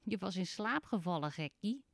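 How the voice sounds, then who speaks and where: A woman's voice: medium pitch, expressive, normal speed, creaky, dry recording. A woman voicing a caring, teasing young girl in a storybook reading. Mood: gentle. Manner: gentle and teasing.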